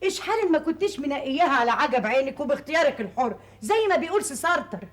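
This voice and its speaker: A woman's voice: sits high, very animated, very fast. A woman playing a superstitious, doting old nanny in an Egyptian stage comedy, speaking Egyptian Arabic in a folksy, gossipy way.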